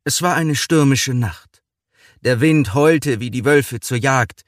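A man's voice: mid-range voice, takes it slowly, no echo, clean studio sound. A man narrating a short story as a scripted literary audiobook reading.

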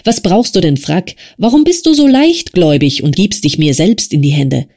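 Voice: medium pitch, expressive, normal speed, warm tone. A boisterous, strong young man who teases gleefully and will not let his friend go, as a reader plays him. His voice is playful and bossy, in a storybook reading. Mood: teasing. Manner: teasing, gleeful. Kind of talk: audiobook character voice.

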